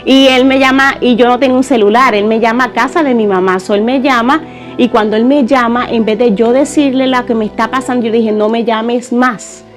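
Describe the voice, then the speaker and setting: A woman's voice: on the high side, fairly quick, soft background music. A woman giving an earnest, conversational personal testimony in church.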